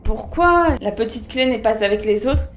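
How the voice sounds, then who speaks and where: A woman's voice: fairly high pitch, lively intonation, moderate pace, soft background music, natural voice. A woman voicing a cruel murderous husband who gives cold, commanding orders in a fairy-tale reading. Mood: menacing.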